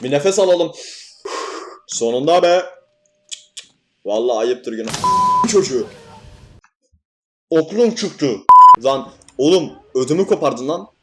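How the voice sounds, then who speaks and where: A man's voice: fairly high pitch, lively intonation, measured pace, long pauses, background noise. A young man commentating a horror game as he plays, swearing and yelping at scares, then laughing them off. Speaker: gaming YouTuber.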